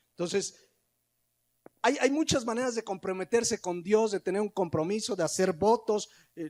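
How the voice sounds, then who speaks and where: Male pastor, high pitch, emphatic church sermon with rhetorical questions. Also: darkish tone. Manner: emphatic, rhetorical questions, acts out the congregation's replies.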